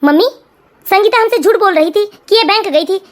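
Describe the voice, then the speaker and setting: A performer voicing a hot-headed young husband in a cartoon story, urgent and accusing, in a very high voice. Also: normal speed. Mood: angry. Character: stressed young husband, hothead.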